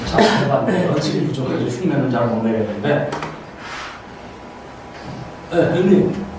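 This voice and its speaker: A man's voice: medium pitch, animated, fast. A middle-aged man giving a humorous guest lecture full of anecdotes, playfully teasing the audience. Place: auditorium. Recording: echoey hall from far off, noisy.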